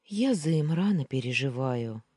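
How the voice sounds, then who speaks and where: A woman's voice: a bass voice, animated, moderate pace, a little mellow, slightly rough, no echo, clean studio sound, exaggerated voice. A woman voicing a shy, tearful young female maid who speaks timidly and anxiously in a storybook reading.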